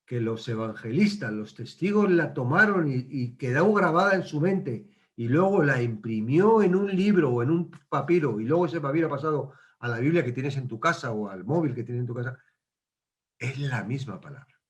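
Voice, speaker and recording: A man's voice: mid-range voice, animated, moderate pace. A man teaching a casual Bible study, conversational, asking questions and acting out quotes.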